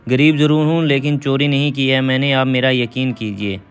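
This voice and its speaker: A man voicing a poor, anxious housemaid who pleads that she is innocent, in a smooth, flat voice. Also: medium pitch, moderate pace, close to an everyday voice. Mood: pleading. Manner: pleading, defensive.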